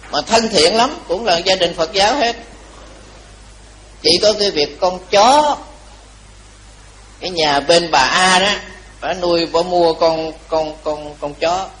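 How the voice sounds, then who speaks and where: A man giving a Buddhist dharma talk, telling a story lively and asking the audience questions. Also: on the high side, a little hiss or hum, rough recording. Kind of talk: storytelling sermon.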